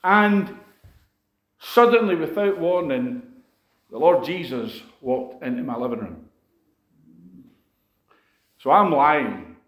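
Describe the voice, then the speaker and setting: A man with a fairly high voice tells a personal story from the pulpit, loose and conversational, with plenty of fillers and restarts. His talk is heartfelt, and he keeps turning to the congregation for a response. The sound rings around a roomy, echoing hall. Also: animated, takes it slowly, long pauses, a bit bright. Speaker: preacher. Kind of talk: sermon testimony. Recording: echoey room.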